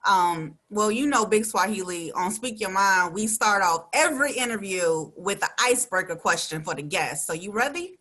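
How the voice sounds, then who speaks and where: A woman's voice: medium pitch, animated, moderate pace, few pauses, pushed and bright. A woman hosting a radio interview, chatty and slangy, with frequent laughs between her lines. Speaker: radio show host.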